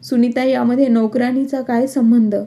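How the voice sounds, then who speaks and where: A woman's voice: fairly high pitch, level tone, normal speed, dark tone, natural voice. A woman voicing a mild, patient older farmer and father-in-law in a storybook reading.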